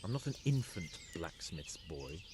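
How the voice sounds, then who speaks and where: An actor voices a haughty, teasing young nobleman, not yet of age, in a video game cutscene, with an imperious, mocking, aristocratic British manner. His low, dark voice swings widely in pitch at an unhurried pace, matter-of-fact, with slight background noise.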